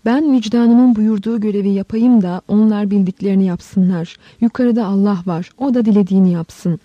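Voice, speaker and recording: A woman reading the lines of a resolute elderly male abbot in a booming, grave voice. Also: steady tone, a little fast, no room sound, dull audio, lightly acted. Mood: solemn.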